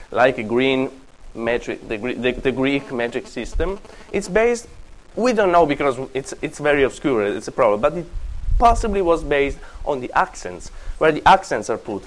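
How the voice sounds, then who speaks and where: A man's voice: medium pitch, rough recording. A man giving a university lecture, thinking aloud and correcting himself as he explains. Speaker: classics lecturer.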